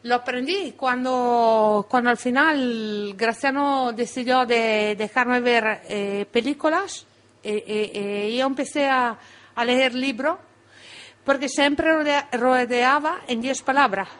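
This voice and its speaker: A woman's voice: on the high side, a bit bright. A woman from Italy who speaks Spanish with an Italian accent, answering questions in a radio interview and often restarting her words. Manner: halting, repeats and restarts words. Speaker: interview guest, former restaurant owner. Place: radio studio.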